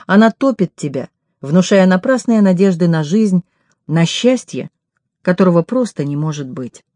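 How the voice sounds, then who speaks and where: A woman narrates a first-person novel in a measured, intimate way. Her voice is dark and mellow. The recording is dry and close, with no room echo. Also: fairly low pitch, animated. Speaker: audiobook reader.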